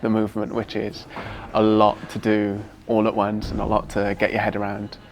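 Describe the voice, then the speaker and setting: A young man from Wales, a dancer, speaking in a thoughtful, hesitant way with many pauses in a documentary interview. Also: lowish voice, monotone, a little hiss or hum.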